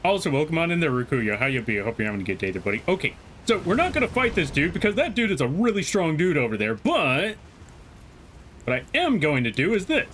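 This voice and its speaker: A man gives chatty live game commentary, his voice bouncing widely up and down with a bright, forward edge. He jokes around and reads messages from chat aloud as he plays. His voice sits a little higher than most men's. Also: very animated, fast talker, slight background noise. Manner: playful, joking. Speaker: streamer.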